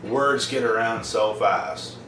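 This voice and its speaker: In an expressive, lowish voice that's slow, pushed and bright, a young man from Prince Edward Island rants bluntly with profanity in a casual vlog monologue. He repeats lines for emphasis, and the distant mic picks up a roomy, noisy background.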